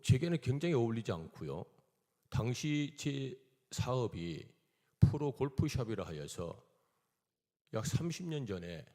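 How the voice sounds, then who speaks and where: Man, Gwangyang dialect, storytelling sermon, low voice, reverberant church hall. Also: mellow. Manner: storytelling, acts out quoted dialogue. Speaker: missionary preacher. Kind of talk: testimony sermon.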